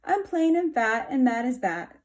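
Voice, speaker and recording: Woman reading as a shy plump mole man, soft cooing voice, sweet and clumsy, storybook. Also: high voice, sing-song, moderate pace, dull audio. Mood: earnest.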